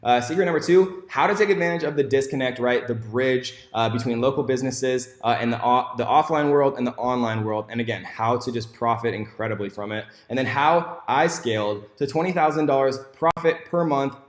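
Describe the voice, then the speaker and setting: A man giving a course sales pitch, enthusiastic and full of fillers and restarts. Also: fairly quick, few pauses, echoey room. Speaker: online course instructor.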